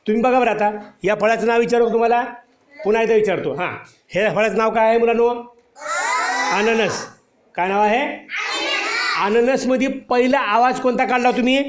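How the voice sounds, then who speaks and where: A man's voice: very high-pitched, steady tone, quick pace. A man teaching a first-grade class, patiently asking and repeating simple questions for young children, with some faint noise behind him. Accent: Marathi. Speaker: primary school teacher.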